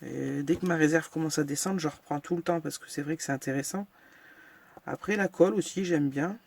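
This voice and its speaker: A woman's voice: deep voice, a little fast, gravelly, darkish tone, husky. A woman hosting a casual crafting tutorial, chatting frankly and narrating each step as she works, with lots of fillers. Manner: self-deprecating and frank.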